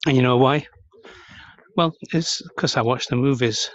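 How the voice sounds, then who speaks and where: A man's voice: medium pitch, moderate pace, no room sound, highs cut off. A man talking casually with chewing gum in his mouth, rambling with many fillers and restarts. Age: adult, 30s or older. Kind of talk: casual monologue.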